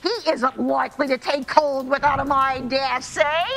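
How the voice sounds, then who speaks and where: Woman playing shrill, cackling old scavenger crone. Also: fairly even intonation, slow, bright, forceful tone, full character voice. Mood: gleeful, scornful. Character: gleeful, callous old female scavenger selling a dead man's things. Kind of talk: theatrical radio play acting.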